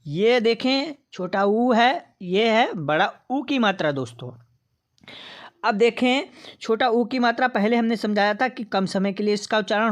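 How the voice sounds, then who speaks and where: Patient woman teacher, very slow and measured, sounds out each syllable for beginners. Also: medium pitch. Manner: patient, addresses viewers as friends. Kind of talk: slow lesson reading syllables aloud.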